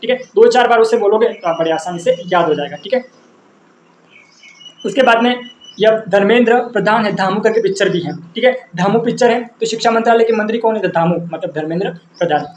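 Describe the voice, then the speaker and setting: High-voiced man teaching in an echoey room. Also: a little fast. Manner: asks and answers his own questions, repeating. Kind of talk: exam-prep lesson with memory tricks. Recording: roomy echo, faint background noise.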